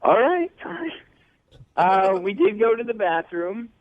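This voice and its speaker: A man's voice: sits high, big pitch swings, slow pace, no echo. A man calling in to a radio show, sheepish and laughing as he tells a story. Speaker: caller. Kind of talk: phone call on a radio show. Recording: tinny phone line.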